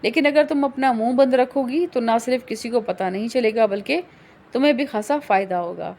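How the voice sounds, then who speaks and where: A cold, domineering young man speaks in a dismissive, threatening way in a novel audiobook, as a woman reads his part. The voice stays on the high side, since it is her own voice. There is little change from her narrating voice. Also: darkish tone. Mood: curt.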